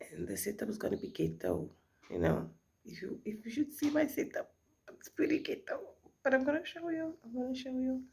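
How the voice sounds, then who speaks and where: This beauty vlogger, a middle-aged South African woman with Afrikaans as her first language, chats in South African English while putting on makeup, often dropping to a whisper. Her voice sits low and is gravelly yet warm, with a little hiss or hum audible.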